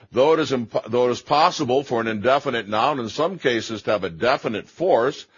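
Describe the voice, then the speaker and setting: A man's voice: medium pitch, husky, muffled recording. A man giving a theology lecture, explaining carefully, correcting himself and stressing key phrases.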